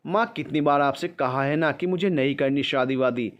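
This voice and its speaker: A man's voice: a little high, normal speed, muffled recording, close to an everyday voice. A man as a weary reluctant son. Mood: dismissive.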